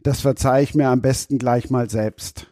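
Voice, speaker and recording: A male host in a casual interview, giving relaxed, enthusiastic prompts. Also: medium pitch, normal speed.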